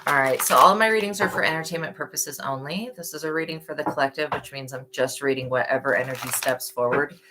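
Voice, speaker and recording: Hoarse from yelling, this woman's strikingly deep voice carries a live-stream tarot reading at a quick pace with hardly any pauses, against a noisy background. Her reminders are earnest and motherly, and talk of faith turns her preachy.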